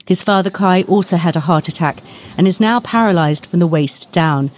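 A woman's voice: lowish voice, moderate pace, a little mellow. A woman narrating a scripted special report as a television news reporter.

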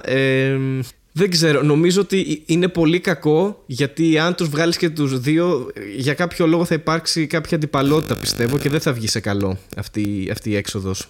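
Χαλαρός Έλληνας άντρας, ειρωνικός. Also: male voice, mid-range voice. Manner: laid-back, wry, hesitant. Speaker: podcast co-host. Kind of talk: casual chat.

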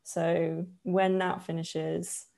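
A woman in her twenties from Poland, talking as a podcast guest. Her voice sits low, with a gravelly fry and a dark, mellow tone. She chats loosely, full of fillers and easy laughter. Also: extremely slow. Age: 20s. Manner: relaxed, chatty, laughs often, many fillers. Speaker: podcast guest, yoga teacher. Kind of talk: casual interview chat.

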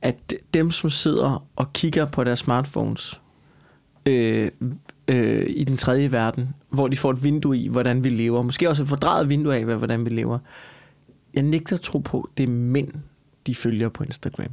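A man chatting casually and argumentatively, emphatic and animated, swearing and piling up repeated phrases to make his point. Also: mid-range voice, gravelly. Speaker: comedian and talk show co-host.

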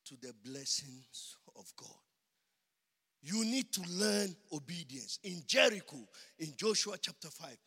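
A high-voiced man preaches a sermon with a slow, deliberate delivery, his words carrying a long reverb through a church hall. He grows into fervent shouting and sounds short of breath. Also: slightly rough. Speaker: pastor.

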